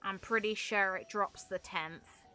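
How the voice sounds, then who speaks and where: Poor audio and faint background music frame a young woman's casual livestream chat, where she rambles informally and swears a bit. Her voice is mid-range, steady, a little slow, and pushed and bright.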